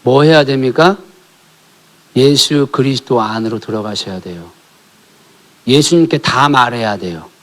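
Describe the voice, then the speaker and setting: A male pastor preaching a sermon in a church, telling a family story and asking the congregation questions, rising to emphatic calls and dropping to hushed near-whispers. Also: medium pitch, expressive, measured pace, long pauses. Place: church sanctuary.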